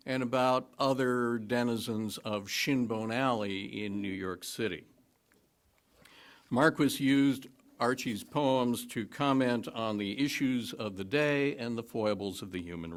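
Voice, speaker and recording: A man introducing a reading to a congregation, halting at first, then telling the backstory with dry, wry humor. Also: mid-range voice. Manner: hesitant start, then wry storytelling. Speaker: lay speaker at a worship service.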